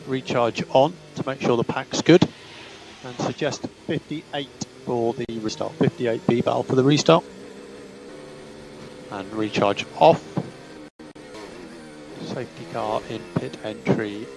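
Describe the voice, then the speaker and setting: A Formula One race engineer with a mid-range voice and some vocal fry relays terse, procedural instructions over team radio, often repeating himself. The audio is poor, with loud vehicle noise underneath.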